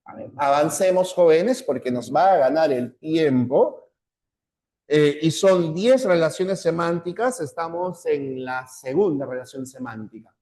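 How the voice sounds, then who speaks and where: A man's voice: on the high side, animated, warm tone. Peruvian male teacher, lecturing. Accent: Peruvian Spanish. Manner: repeats key terms, tags sentences with "¿ya?"; slows down to spell out examples. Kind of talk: classroom lecture.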